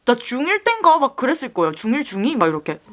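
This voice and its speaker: A fast-talking young woman with a high-sitting voice tells creepy stories from her own life as she does her makeup. She keeps it casual and lively, acting out the voices of the people involved.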